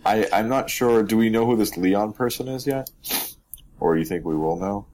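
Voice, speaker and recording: A man with a very low, deep voice talks in a loose, casual way. He rambles and thinks out loud, circling back and restarting his sentences as he goes. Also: normal speed. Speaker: co-host of a game discussion stream. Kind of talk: casual chat.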